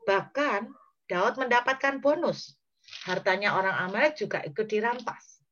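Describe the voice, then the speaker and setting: Lively woman preacher telling a story. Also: medium pitch, moderate pace, dull audio, a little hiss or hum. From Indonesia. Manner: animated storytelling, addresses the congregation directly. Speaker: evangelist preacher. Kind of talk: sermon.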